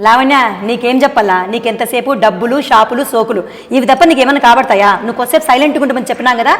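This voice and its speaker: A woman acting as a wife who is fed up with her deceiving husband, speaking in a sharp, reproachful way in a melodramatic family drama. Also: a little high, very fast, close to an everyday voice. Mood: scolding. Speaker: actress in a family drama short. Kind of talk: melodramatic short-video acting. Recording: roomy reverb with background music.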